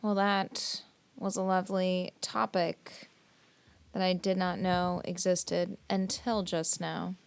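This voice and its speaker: A woman's voice: on the low side, little pitch movement, slow pace, gravelly, smooth, no room sound. A woman co-hosting a podcast in casual chat, giggly and playful. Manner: giggly, playful, teasing dramatic intros. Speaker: podcast co-host.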